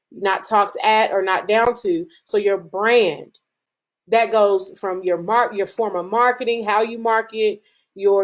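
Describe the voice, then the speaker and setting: A woman with a mid-pitched voice teaches a group in a relaxed, conversational way. She rambles a little, with frequent "um"s and restarted phrases. Her pace picks up and slows as she gets excited. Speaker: business branding presenter. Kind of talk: casual teaching talk to a group.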